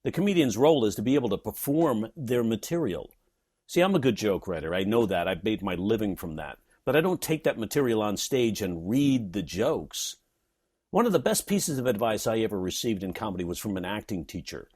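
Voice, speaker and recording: Male from New York, husky voice, lively sarcastic read of his own blog. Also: fairly low pitch, a little fast. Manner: sarcastic, wisecracking. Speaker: comedy writer and teacher. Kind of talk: reading his blog post aloud.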